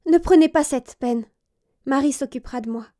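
A woman voicing a young princess in pain, crying out in a high, strained voice in a storybook reading. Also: moderate pace, dark tone, natural voice. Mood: indignant.

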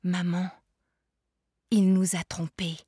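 A woman's voice: on the low side, flat delivery, slow pace, dark tone, slightly rough, no room sound, clean studio sound. A woman voicing a desperate pleading boy. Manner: urgent, pleading, raised voice. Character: young son begging his mother passionately.

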